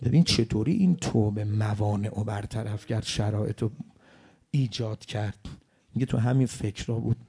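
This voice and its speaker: Male preacher for a mourning sermon: gravelly, low mellow tone, emotional storytelling that swings from near-whisper to loud.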